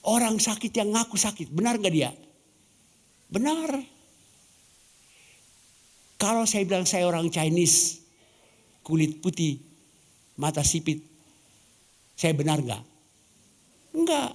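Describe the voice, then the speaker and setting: A man's voice: high voice, animated, slow pace, pauses often, darkish tone. A man from Ambon, Indonesia preaching a sermon as pastor, asking the congregation questions and acting out quoted dialogue. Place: church.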